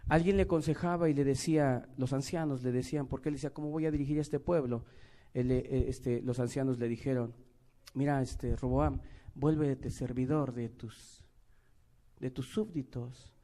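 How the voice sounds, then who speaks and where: A man with a Mexican accent preaching a sermon, moving between loud emphatic lines and quiet asides, acting out little dialogues. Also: mid-range voice, steady tone, normal speed. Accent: Mexican Spanish.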